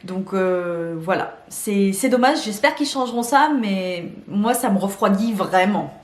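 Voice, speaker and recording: A woman's voice: mid-range voice, animated, a little slow, reverberant. A woman vlogging about beauty shopping in a chatty way, laughing often and repeating words as she explains. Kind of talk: casual explainer vlog.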